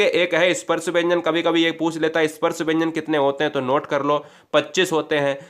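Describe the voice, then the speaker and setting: A man's voice: fairly high pitch, fairly bright tone. A man teaching an exam-prep grammar lesson, asking and answering his own questions and drawing out sounds to demonstrate them.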